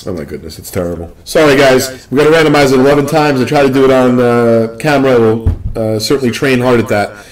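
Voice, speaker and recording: A young man from the Northeast US hosting a live card-opening stream, rambling and joking with excitement. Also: medium pitch, a little fast, few pauses, poor audio. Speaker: card break host.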